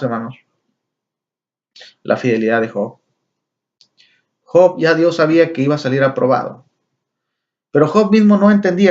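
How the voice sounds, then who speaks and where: A man teaching a Bible lesson, often calling his listeners brothers and asking them rhetorical questions. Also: a little high. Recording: dull lo-fi recording.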